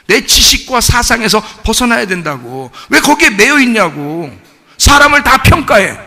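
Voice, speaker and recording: A middle-aged male pastor preaching in a high, bright voice that swings widely up and down. He talks to the congregation conversationally, throwing out rhetorical questions and acting out quoted voices. The sound carries the long reverb of a church hall. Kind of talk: sermon. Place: church sanctuary.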